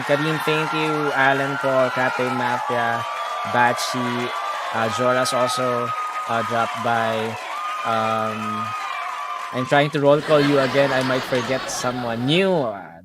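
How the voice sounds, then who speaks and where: A man's voice: mid-range voice, fairly even intonation, measured pace, over a noisy crowd, heavy background noise. A young man with a Filipino accent, chatting casually on a live stream and reading out viewer comments. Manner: chatty, reads viewer comments aloud, mixes in Tagalog. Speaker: game streamer.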